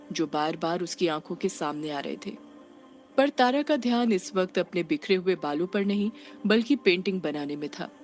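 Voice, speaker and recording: A woman's voice: on the low side, a little mellow. Woman narrating a story steadily. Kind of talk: scripted narration of an audio story. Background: faint background music.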